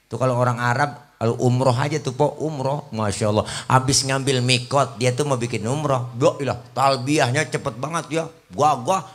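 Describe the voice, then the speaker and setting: A man giving a humorous, lively sermon as a preacher. He often breaks into sung religious chants. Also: mid-range voice, moderate pace, hardly any pauses.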